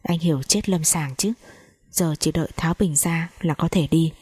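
A woman's voice: sits low, moderate pace, darkish tone, breathy edge, no echo, studio quality. Woman voicing a grave hospital doctor. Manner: grave, formal. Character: somber male hospital doctor.

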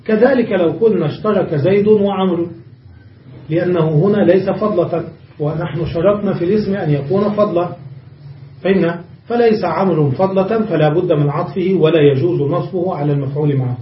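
A man's voice: high-pitched, brisk, a little hiss or hum. A man teaching an Arabic grammar lesson, explaining step by step and asking his students rhetorical questions. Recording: dull, echoey room from far off.

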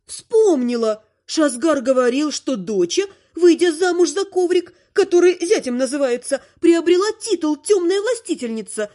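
A woman reads a first-person fantasy story aloud. Her voice sits high for a woman. She tells the story in a wry, lively way. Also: moderate pace, few pauses. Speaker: audiobook narrator. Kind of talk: first-person fiction reading.

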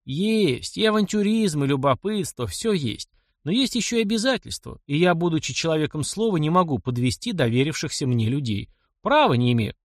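A man's voice: a little high, big pitch swings, brisk, dry recording, clean studio sound, voice pushed up. A man voicing a practical young mechanic in an audiobook, blunt, wry and stubborn. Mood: firm. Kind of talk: audiobook character reading.

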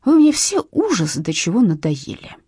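A woman's voice: mid-range voice, huge pitch swings, dark tone, husky, no room sound, studio quality, heavily acted. A woman voicing an indignant, tired heroine who flares up easily. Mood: exasperated. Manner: exasperated, quick to flare up.

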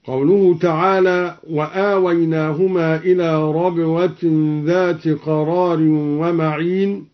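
A man explaining variant Quran readings and then demonstrating each one in drawn-out, melodic recitation, from an archive radio recording. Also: on the high side, level tone, muffled recording.

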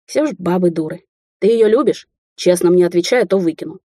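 A woman voicing a gruff older Russian man who lectures in a coarse, bossy way. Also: lowish voice, brisk, warm tone, no echo, clean studio sound, natural voice.

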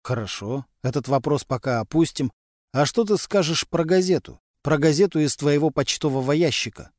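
A man voicing a calm, stern male police captain questioning a suspect in firm, measured tones. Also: on the high side, no room sound, clean studio sound, lightly acted.

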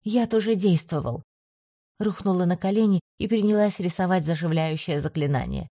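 Mellow-voiced woman narrating a story. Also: on the low side, moderate pace, no room sound, clean studio sound. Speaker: audiobook narrator. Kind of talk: first-person scripted narration.

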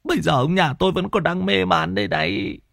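A man's voice: sing-song, fairly quick, creaky, fairly bright tone, dry recording, studio quality, heavily acted. A man voicing a frantic village wife who wails in fear and grief over her injured husband in a ghost story. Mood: wailing. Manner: high-pitched, tearful wailing.

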